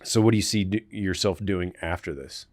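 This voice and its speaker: A man's voice: sits low, normal speed, no echo, studio quality. A man hosting a podcast interview, laid-back and asking short friendly questions. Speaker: podcast host.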